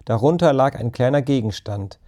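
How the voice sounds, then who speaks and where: A male narrator reading a children's audiobook in a calm, even way. His voice sits at a medium pitch with a warm, mellow tone. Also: moderate pace.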